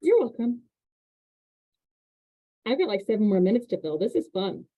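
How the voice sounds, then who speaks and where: A woman's voice: fairly high pitch, moderate pace. Chatty real estate lady from indiana, sounds like she's on a phone line, tells stories with lots of ums. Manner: chatty, animated storytelling with laughs. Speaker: real estate agent and host. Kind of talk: casual panel chat.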